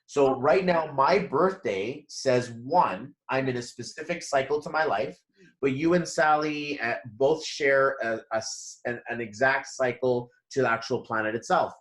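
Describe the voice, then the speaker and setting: A man's voice: medium pitch, unhurried, fairly bright tone. A man giving a numerology reading in a loose, rambling chat, full of fillers and restarts. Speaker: numerology reader, guest. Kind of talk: casual spiritual chat.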